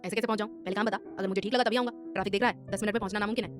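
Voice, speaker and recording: A woman voicing a brash male detective friend who shoots back quick, informal retorts, with background music. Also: a little high, lightly acted. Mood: cheeky.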